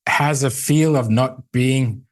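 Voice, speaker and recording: A middle-aged company CEO from Denmark answers interview questions in English with a Danish accent. He speaks haltingly in a mid-range voice, repeating words and filling pauses.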